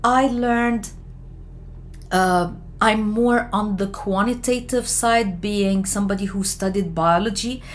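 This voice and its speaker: A woman from Lebanon giving an explanatory lecture on research methods, talking in a measured way with frequent fillers and self-corrections. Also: mid-range voice, a little hiss or hum. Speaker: education lecturer.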